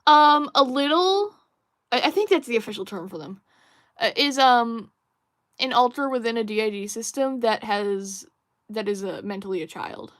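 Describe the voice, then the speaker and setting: A woman's voice: fairly high pitch, expressive, normal speed, a bit bright, no echo, clean studio sound. A young woman hosting a casual livestream while drawing, musing and rambling with many fillers and restarts while she reads viewer chat aloud. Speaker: livestream host.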